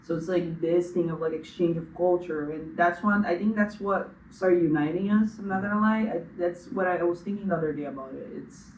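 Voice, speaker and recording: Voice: medium pitch, fairly quick, hardly any pauses, a little mellow, slight background noise. A young podcast co-host from Brazil, chatting reflectively at length with many fillers. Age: young adult. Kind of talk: casual chat. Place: room in a school building. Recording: echoey room, distant mic.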